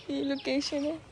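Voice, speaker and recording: A young woman, a university student, chatting casually and rambling in a giggly way for her vlog. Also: sits high. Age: young adult. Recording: crowd and noise behind.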